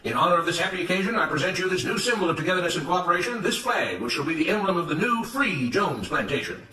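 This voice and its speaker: A male narrator acts out a self-righteous plantation overseer from a storybook, declaiming emphatic speeches in a raised, bright voice with an orator's force. He sounds slightly distant in a roomy space, his pitch swinging widely at a quick, heavily acted pace. The mood is grand and triumphant.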